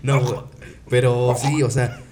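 A man's voice: medium pitch, little pitch movement, measured pace, noisy background. A young man with a Mexican accent, co-hosting a casual comedic chat and telling rambling jokey stories. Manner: joking, rambling storyteller. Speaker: co-host.

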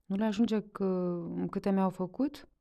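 A woman's voice: mid-range voice, fairly even intonation, dark tone, pitched above the performer's own voice, lightly acted. A woman reading a story aloud voices a bitter male peasant who curses and refuses stubbornly. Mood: indignant. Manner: cursing, defiant.

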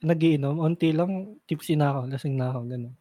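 A man's voice: a little high, fairly quick, crowd noise. A young man in casual chat with a friend, chiming in with details and laughing along as he recalls.

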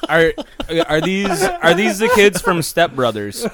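A man with a high voice that jumps all over, riffing and joking with friends in a casual podcast. Crowd noise sits clearly in the background. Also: sing-song, unhurried. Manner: playful, riffing on jokes with pop-culture bits.

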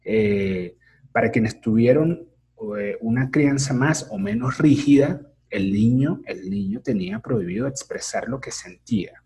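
A man, a teacher and therapist in training, explains emotions and parenting in a casual interview, often checking in with "ok?" and filling pauses with "eh". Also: mid-range voice, expressive, vocal fry, warm tone, husky. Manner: reflective, explains with many fillers and "¿ok?" checks.

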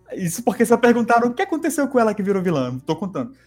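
Fast-talking man retelling a film. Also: sits high, big pitch swings. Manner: rambling storyteller who acts out quotes. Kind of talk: casual chat, retelling a film plot.

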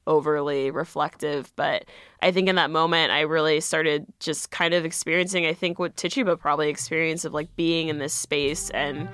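An American woman, appearing as a guest, tells a personal story in a chatty manner, saying "like" throughout. Her voice is low and a bit bright.

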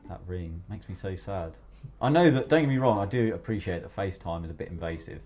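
A man hosting a podcast in casual, sweary chat, telling stories in an animated, blokey way. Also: deep voice, fairly quick, a little hiss or hum. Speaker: podcast host.

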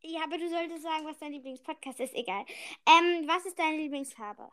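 A woman's voice: high voice, brisk, pushed and bright. A woman in casual, playful chat, asking questions as a partner in a challenge.

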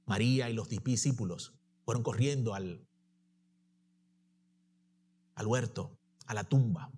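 Husky-voiced impassioned male preacher. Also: lowish voice, moderate pace. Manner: impassioned preaching that drops to soft, tender delivery. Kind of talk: sermon.

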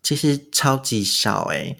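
A man's voice: mid-range voice, very animated, slow, vocal fry, fairly bright tone. A man with a Taiwanese Mandarin accent chatting casually as a guest, recounting his travels. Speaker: podcast guest recounting a trip. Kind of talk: casual chat.

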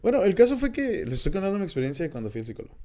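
Fast-talking young northern Mexican man. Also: high voice, very animated, mellow. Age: young adult. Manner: slangy, swearing. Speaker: podcast host. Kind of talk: casual chat with personal storytelling.

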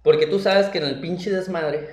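A man's voice: fairly high pitch, normal speed. A young man with a Mexican accent, telling a story in casual, slangy chat and dropping "güey" constantly. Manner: slangy, lively storytelling full of "güey" fillers. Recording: roomy echo.

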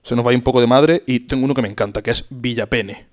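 A man's voice: mid-range voice, steady tone, rapid-fire. A man co-hosting a casual chat podcast, playful and amused as he reads out odd facts. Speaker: podcast co-host.

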